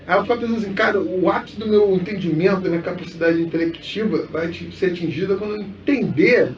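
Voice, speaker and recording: A man co-hosts a loose podcast chat and tells stories with jokes and swearing. His voice sits a bit high. The sound is dull and echoey, picked up from a distance with faint noise underneath. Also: quick pace. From Campo Grande, Brazil. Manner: profane, joking, animated storyteller. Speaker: podcast co-host. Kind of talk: casual chat.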